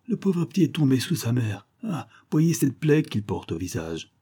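A man voicing a male police commissioner who calls out urgent orders in an audiobook, his voice raised higher and louder than his usual narration. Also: very animated, normal speed, slightly rough. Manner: urgent, commanding shouts. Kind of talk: audiobook character voice.

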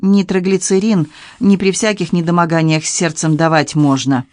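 A man's voice: on the high side, steady tone, normal speed, darkish tone, no room sound, natural voice. A man reading an audiobook, voicing a blunt, sarcastic young woman with a mocking, cutting manner. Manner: mocking, cutting, coldly matter-of-fact.

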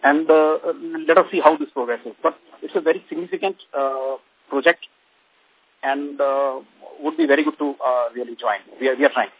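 A man with an Indian English accent, a company executive answering analysts on a conference call, speaking haltingly with many pauses. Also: medium pitch, steady tone, slightly rough. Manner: halting, many fillers and restarts. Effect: conference call phone line. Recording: dry, tinny phone-line audio.

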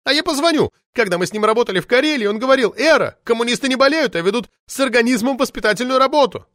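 A woman's voice: on the high side, expressive, racing, a bit bright, no room sound, clean studio sound, pitched above the performer's own voice. A man voicing a pompous, imperious woman poet who shrieks her indignation and keeps invoking powerful friends, in an audiobook reading. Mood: shrill outrage. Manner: shrieking, indignant, name-dropping.

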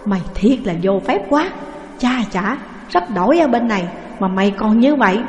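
Woman doing a loud scolding old father, rich landowner, echoey room. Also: on the high side, animated, normal speed, lightly acted. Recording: echoey room with long reverb.

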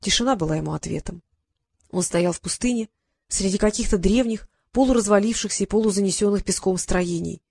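A woman reading a novel aloud as audiobook narrator, in an even, measured way. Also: medium pitch, gravelly, husky, dry recording, studio quality. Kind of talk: scripted narration.

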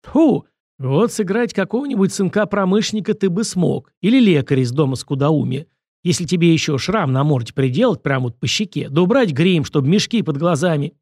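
A man's voice: on the high side, lively intonation, a little fast, a little mellow, no echo, clean studio sound, pitched above the performer's own voice. A man voicing a pompous, touchy film director who blusters and talks about himself in the third person. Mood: blustering. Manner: blustering, refers to himself in the third person, squeals when angry. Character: pompous, touchy male film director, self-important and shrill.

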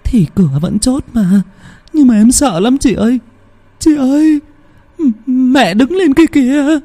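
A man putting on a shrill, terrified young woman. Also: measured pace, mellow. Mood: panicked. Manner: shrill, pleading, near tears.

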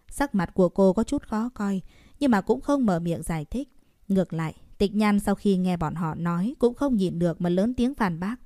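Female audiobook narrator, steady delivery, close, dry recording. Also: lowish voice, no room sound. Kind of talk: story narration.

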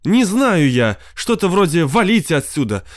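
A woman's voice: on the low side, big pitch swings, normal speed, no echo, clean studio sound, pitched above the performer's own voice. A man voicing a pampered, hysterical wife who wails and sobs in an audiobook. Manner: wailing, sobbing, shrieking. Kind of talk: audiobook character voice.

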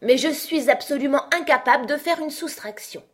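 A woman reading an audiobook, voicing a muddled, fussy queen who rambles in gentle, dithering explanations. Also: high voice, moderate pace, pitched above the performer's own voice, lightly acted.

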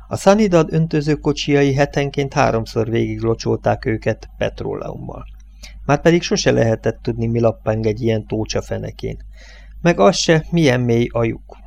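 A man narrating a novel as an audiobook, reading in a measured, steady way. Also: mid-range voice, creaky. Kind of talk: scripted narration.

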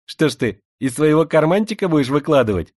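A man's voice: fairly high pitch, expressive, brisk, a little mellow, dry recording, studio quality, voice pushed up. A man voicing a lisping older schoolboy who talks in sugary diminutives and needles the others. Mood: needling. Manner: needling, mocking.

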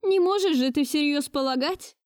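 A woman's voice: normal speed, darkish tone, dry recording, clean studio sound, lightly acted. A woman voicing a domineering, wealthy old grandmother who scolds in an imperious tone. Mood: scolding. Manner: shrill, imperious reproach. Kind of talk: audiobook dialogue reading.

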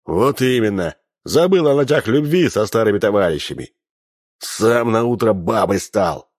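A man voicing a rowdy, grumbling crew of male Cossacks, dragging out jeering shouts. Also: fairly low pitch, animated, normal speed.

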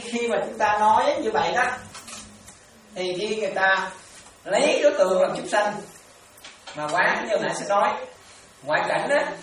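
A man, a Buddhist monk, gives a patient dharma talk at an even middle pitch. He repeats key terms and keeps asking if his listeners are following. His voice comes from a distance in a very echoey room, over a faint hiss.

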